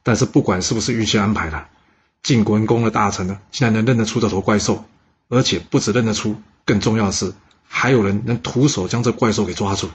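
A man's voice: lowish voice, quick pace, husky, dull audio. A man telling history stories in a chatty podcast, with asides to the listener. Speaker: podcast storyteller. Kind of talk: casual history storytelling.

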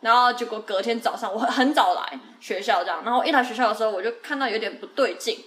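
A woman rattles through a childhood story for a podcast at a quick clip. Her voice sits a bit higher than most, and she laughs often between her fillers. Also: a bit bright. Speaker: podcast host. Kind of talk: casual storytelling chat.

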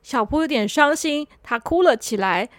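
A woman narrating a children's story in an animated, expressive way. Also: high-pitched, normal speed, dry recording.

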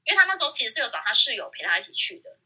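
A woman's voice: fairly high pitch, big pitch swings, rapid-fire, bright, forceful tone, breathy edge. A woman co-hosting a casual podcast chat, telling a story with animation and acting out quoted lines, in muffled audio re-recorded from a speaker. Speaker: podcast co-host.

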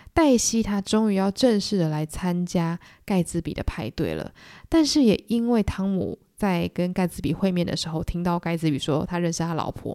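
Chatty young Taiwanese woman podcaster, mellow. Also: lowish voice, no echo, clean studio sound. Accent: Taiwanese Mandarin. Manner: chatty retelling with animated voices for quotes. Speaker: podcast host. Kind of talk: solo book-club podcast storytelling.

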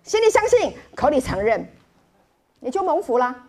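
Middle-aged woman preacher, bright high register, playful and humorous from the pulpit. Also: normal speed. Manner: playful, joking, animated storytelling. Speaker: pastor. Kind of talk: sermon.

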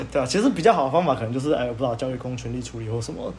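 Fast-talking young man. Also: medium pitch, slight background noise. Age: young adult. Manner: animated, laughs through his story. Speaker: podcast host. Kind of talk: casual storytelling chat.

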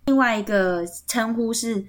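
Slow, patient Taiwanese woman teaching. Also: on the high side. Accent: Taiwanese Mandarin. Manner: spells words out letter by letter, patient and explanatory; frequent tag particles seeking agreement. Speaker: podcast host teaching Atayal kinship terms. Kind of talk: podcast language lesson.

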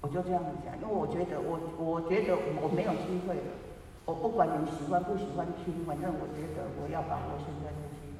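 High-voiced man telling a story in a distant echoey room. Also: steady tone, mellow. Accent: Taiwanese Mandarin. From Taiwan. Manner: halting, repeats words, deeply moved. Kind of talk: personal storytelling. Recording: echoey distant room with faint background noise.

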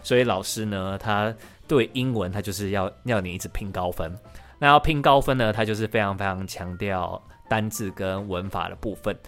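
A man, a podcast host who tells his own story as the guest in an animated way. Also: lowish voice, normal speed, faint music behind. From Taiwan. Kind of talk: podcast interview.

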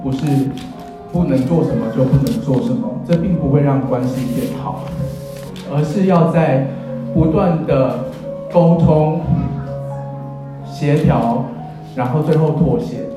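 A man's voice: on the high side, a little slow, long pauses. Taiwanese man speaking in a very echoey hall. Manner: wry, self-deprecating humour. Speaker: wedding officiant giving a speech. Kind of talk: wedding speech. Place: in a church, speaking to guests. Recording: very echoey church hall, music behind.

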